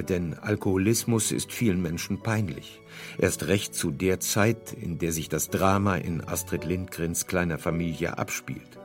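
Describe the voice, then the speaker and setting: A male narrator with a very deep voice reading a documentary script. His delivery is measured yet lively in pitch. Faint music runs underneath.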